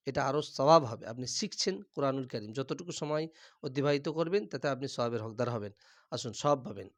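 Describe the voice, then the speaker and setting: Patient man teaching Quran recitation. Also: medium pitch. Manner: patient, repeats each syllable slowly; clears his throat often. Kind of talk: recitation class, spelling out letters.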